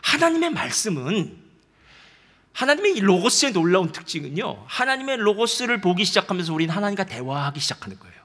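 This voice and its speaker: A male pastor delivers a sermon, often turning to his congregation and acting out spoken dialogue. His voice sits high and bright, and it moves up and down a great deal. He shifts between hushed storytelling and loud, emphatic exhortation. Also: big pitch swings, fast talker. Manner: addresses the congregation often, acts out God's words in dialogue.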